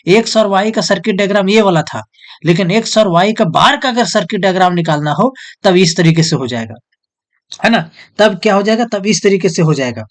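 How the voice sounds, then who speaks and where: A man's voice: sits high, lively intonation, a little fast. A male teacher who explains step by step, asking questions and answering them himself. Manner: repetitive question-and-answer teaching, "jo hai so" filler. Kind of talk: whiteboard lesson.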